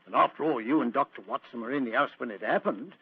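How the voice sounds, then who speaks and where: An actor playing a dogged, plain-spoken, baffled police inspector in an old-time radio drama. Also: male voice, mid-range voice, fast talker, slightly rough, no echo. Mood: insistent. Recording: dull, lo-fi old radio recording.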